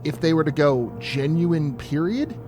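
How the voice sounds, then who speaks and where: A man's voice: fairly high pitch, lively intonation, a little slow, music in the background. Rambling, swearing streamer man. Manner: rambling, profane and chatty. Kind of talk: casual gameplay commentary.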